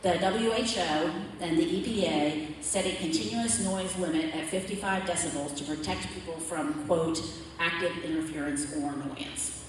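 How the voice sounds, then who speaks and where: A woman with a low voice speaks at a moderate pace, giving a plain, explanatory slide presentation at a community forum and often checking in with "okay?". She sounds far off in a large, echoey meeting hall, with a little hiss or hum in the recording.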